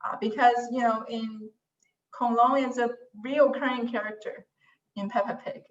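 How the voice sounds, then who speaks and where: Her voice is a little high, steady in tone and moderate in pace. She's a native Mandarin speaker and language website creator chatting as a guest, casual and self-deprecating, often beginning her sentences again, heard through distant, roomy, dull lo-fi audio.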